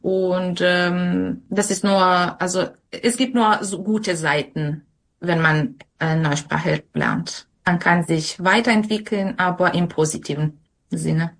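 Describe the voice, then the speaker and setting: A woman whose first language is Serbian speaks slowly in a lowish voice with vocal fry. As an interview guest giving conversational answers, she's hesitant and searches for words.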